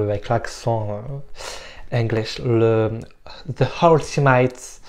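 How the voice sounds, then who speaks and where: Guy doing a chill makeup review vlog, blunt opinions, lots of um and uh, mid-pitch voice. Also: a little mellow. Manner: frank and opinionated, with frequent hesitant fillers. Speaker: makeup vlogger. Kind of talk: casual product review.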